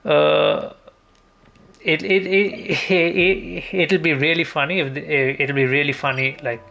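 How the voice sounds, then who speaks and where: While playing a game on a livestream with video game music in the background, a man rambles and hesitates as he thinks out loud in casual commentary. His voice is a little high, steady in tone and slow, with vocal fry and a sharp tone.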